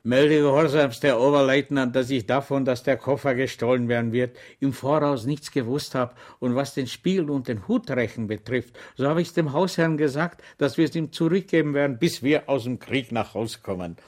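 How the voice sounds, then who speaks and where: A man's voice: medium pitch, moderate pace, few pauses, a little mellow, close to an everyday voice. A man voicing a good-natured soldier orderly who talks amiably and rambles on deferentially. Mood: eager.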